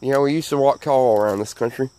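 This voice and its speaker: A man's voice: medium pitch, fast talker, dark tone, smooth. A man with a Southern US accent and missing front teeth, giving a folksy, emphatic opinion rant to camera, repeating his phrases. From Southern United States. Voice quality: missing front teeth, slightly slurred sibilants. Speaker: channel host.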